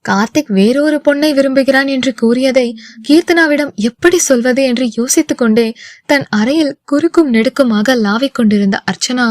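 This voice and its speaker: Brief: female storyteller host, steady narration, high and dry. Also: no echo. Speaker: audio novel narrator. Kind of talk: scripted narration.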